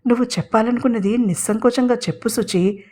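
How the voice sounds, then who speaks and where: A woman narrator voicing a tender, teasing young man on the phone, speaking softly and playfully in an audio story. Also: fairly quick, lightly acted. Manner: soft and low, playful.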